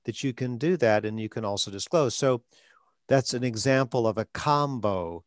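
A podcast host who works as a stuttering coach speaks in short phrases, now and then hitting a stutter block, in a relaxed coaching conversation. His voice is medium-pitched and moderately paced, recorded clean in a studio with no echo.

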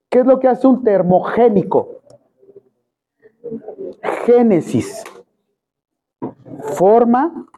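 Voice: mid-range voice, warm tone. A teacher with a Mexican Spanish accent gives a classroom lecture and keeps quizzing the students with questions. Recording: tinny phone-quality recording.

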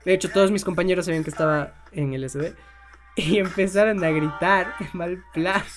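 A man's voice: high-pitched, fairly quick, faint music behind. A young man casually telling a personal story, swearing freely and laughing often.

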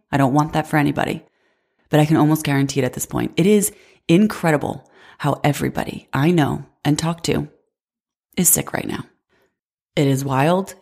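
Sick and congested, a twentysomething woman hosts her casual solo podcast in a nasal, low-pitched voice with a darkish tone. She's chatty, leaning constantly on "like" as a filler.

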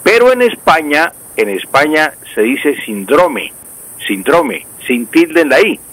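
A man's voice: on the high side, sing-song, moderate pace, fairly bright tone, poor audio. A Colombian man, a language expert on a radio news show, explains usage patiently, repeating words and using many fillers. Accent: Colombian Spanish. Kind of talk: call-in language advice.

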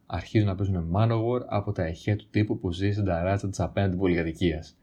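A man with a low, mellow voice tells a story in a loose, conversational way. His tone is wry and he swears casually as he goes.

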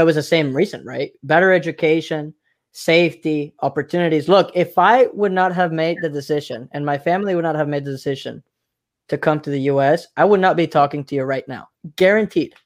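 Man from Mexico, host of a casual stream; loose, rambling delivery full of fillers. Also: fairly high pitch. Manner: rambling, hedging with filler phrases. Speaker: livestream host. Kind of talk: casual chat.

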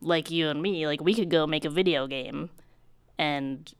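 A young woman chatting casually about games, talkative and quick, laughing often and filling with "like". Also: sits low, clear, resonant tone, dry recording, studio quality.

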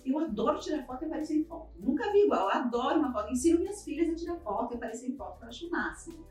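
A woman guesting on a podcast tells a personal story at a racing pace, vividly acting out what each person said. Her voice is high, expressive, and slightly dark, recorded in a roomy space on a distant mic with faint music underneath.

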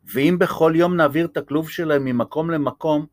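A man's voice: on the high side, fairly even intonation, no room sound, studio quality, voice pushed up, close to an everyday voice. A man voicing a weary mother in a read-aloud children's story. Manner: tired, sighing.

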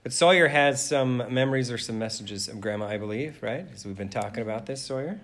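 A man's voice: medium pitch, fairly quick, fairly bright tone. A middle-aged man casually interviewing family as a father, with a playful, teasing way of talking. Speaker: father interviewing his children.

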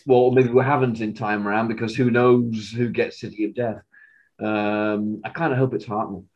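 Animated, rambling male podcast host. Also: lowish voice, normal speed, muffled recording. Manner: rambling, animated, stammers on restarts. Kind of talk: casual fan chat.

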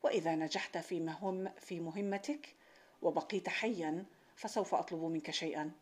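A woman voicing a calm, wise old sheikh. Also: fairly low pitch, moderate pace, breathy edge. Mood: reassuring. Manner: calm, reassuring.

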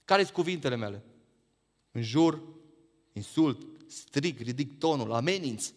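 A man preaching a sermon, firing rhetorical questions that climb to emphatic peaks and then drop low. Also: expressive, big-room sound.

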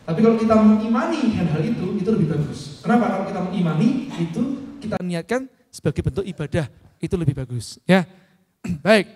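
Man, middle-aged, high voice, motivational business seminar, asks if listeners follow, frequent throat clearing, long hall echo. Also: expressive, brisk, darkish tone. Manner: checks understanding with frequent tag questions. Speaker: business speaker.

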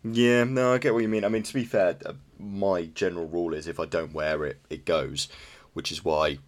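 Deep-voiced man telling stories. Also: steady tone, normal speed. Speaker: podcast co-host. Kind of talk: casual chat.

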